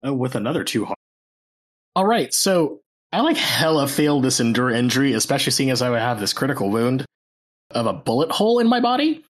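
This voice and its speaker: A man's voice: medium pitch, big pitch swings, fairly quick. A man playing a tabletop game, joking and reading out rules in a slangy, playful way. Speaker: player. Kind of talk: casual tabletop play.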